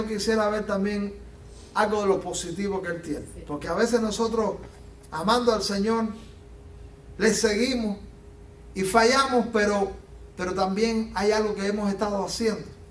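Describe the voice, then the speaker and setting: A man preaching a sermon as pastor, animated and acting out the Bible scenes he tells. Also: high-pitched, normal speed. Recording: echoey room from a distance.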